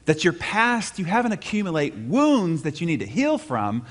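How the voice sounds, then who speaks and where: A middle-aged man speaking as a motivational speaker at a live seminar, telling stories in an animated, punchy way with self-deprecating humor. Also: on the high side, normal speed. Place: stage before a live audience.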